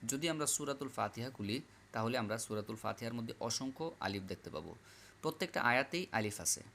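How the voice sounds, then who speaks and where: A man teaching Quran reading, patiently repeating each letter aloud in a slow classroom style. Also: medium pitch, lively intonation, vocal fry, sharp tone, slight background noise. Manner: repetitive, drills letters aloud.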